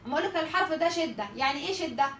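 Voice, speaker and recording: Fast, bright Egyptian woman teaching. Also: very high voice, expressive, reverberant, distant mic, slight background noise. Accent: Egyptian Arabic. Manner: rhetorical questions answered herself, repeats sample sounds. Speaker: Quran recitation teacher. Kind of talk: explaining tajweed letter articulation.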